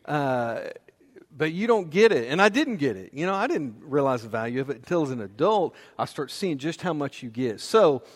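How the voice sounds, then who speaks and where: A man preaching a sermon in a relaxed, conversational way, often restarting his sentences. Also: a little high. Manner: conversational, with fillers and repeated restarts. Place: church auditorium. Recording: long hall reverb.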